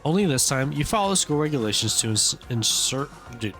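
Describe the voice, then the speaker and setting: A man's voice: medium pitch, expressive, a little fast, a bit bright. Man reading game dialogue aloud, music behind. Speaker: let's player doing commentary and reading game dialogue. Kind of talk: game playthrough reading with casual commentary. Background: game music and short character voice clips.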